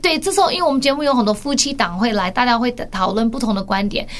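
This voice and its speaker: Animated high-voiced Taiwanese woman storyteller. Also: quick pace. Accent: Taiwanese Mandarin. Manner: animated storyteller, acts out quoted voices with lots of laughter. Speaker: podcast co-host. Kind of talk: casual chat.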